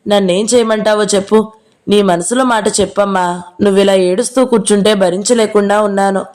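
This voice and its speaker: A woman reading the lines of a gentle young woman who speaks softly and tenderly as she coaxes her mother, in a storybook reading. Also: medium pitch, fairly even intonation, fairly quick, lightly acted. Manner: soft, coaxing and tender.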